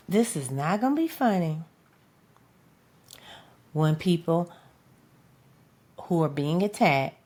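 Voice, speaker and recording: A woman's voice: deep voice, expressive, takes it slowly, pauses often, darkish tone. A woman giving an impassioned opinion monologue as a political commentator, emphatic and profane, punctuating points with a pointed "okay?".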